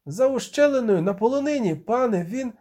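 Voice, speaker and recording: A man reading an audiobook, voicing a panicked, breathless village shoemaker yelling a warning. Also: very high-pitched, lively intonation, fairly quick, voice pushed up.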